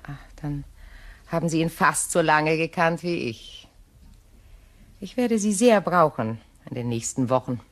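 In a radio play, an actress with a low female voice portrays an imperious middle-aged widow who is genteel, measured, and coolly sardonic. Her mood is composed and calculating.

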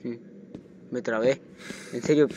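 A man giving let's play commentary on a horror game, jumpy and panicky, repeating phrases rapidly when chased. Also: mid-range voice, steady tone, mellow, lo-fi sound. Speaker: gaming channel host. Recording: noisy home recording.

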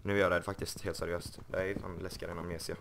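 A man's voice: low-pitched, flat delivery, gravelly, fairly bright tone, slight background noise. A young man casually commenting on his game, joking and mocking himself. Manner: joking, self-mocking, puts on silly voices. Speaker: gaming YouTuber. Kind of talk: casual Let's Play commentary.

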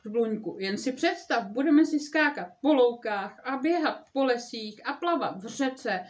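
A woman's voice: fairly high pitch, lively intonation, close to an everyday voice. A woman voicing an eager, cheerful male frog from a children's storybook, calling and coaxing his sleepy friend.

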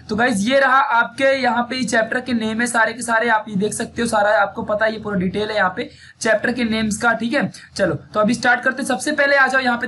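A man's voice: extremely high pitch, pushed and bright, slight background noise. A man teaching a casual syllabus walkthrough, chatty and repetitive, speaking. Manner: chatty, repeats "theek hai" often.

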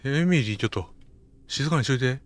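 A man with a Kansai accent giving casual running commentary while playing a game, often telling a character to be quiet. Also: mid-range voice, lively intonation, brisk. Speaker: game streamer. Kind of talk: casual let's-play commentary.

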